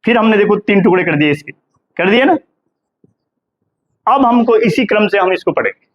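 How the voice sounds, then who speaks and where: Man, high pitch, from India, middle-aged, history professor, classroom lecture, questions the students, keeps adding "hai na". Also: animated, normal speed, highs cut off. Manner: asks the class questions and answers them himself.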